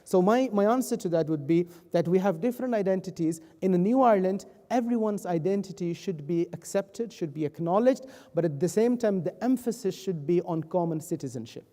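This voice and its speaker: A man who was born in Pakistan and grew up in the Netherlands, speaking earnestly and in a measured way as a panelist. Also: high voice, expressive, mellow. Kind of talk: panel discussion. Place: event hall. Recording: long hall reverb.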